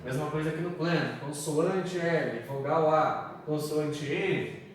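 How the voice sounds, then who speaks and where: A man's voice: on the high side, fairly even intonation, takes it slowly, recorded from a distance. A man teaching a lesson from slides in a chatty way, with a Brazilian Portuguese accent, often checking in with his students. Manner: chatty, repeats "galera" and "tá?". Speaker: English teacher. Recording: echoey room, voice off-mic, faint background noise.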